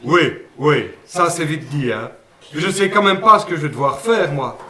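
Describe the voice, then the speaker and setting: A man plays a cheeky, simple-minded puppet fellow with a Liège accent, talking in a folksy, rambling way in a higher-than-usual register. The sound is roomy, with the voice sitting some way off the mic. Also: expressive, normal speed, bright, forceful tone, recorded from a distance. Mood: chatty. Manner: folksy, naive, lots of "hein" and "ben".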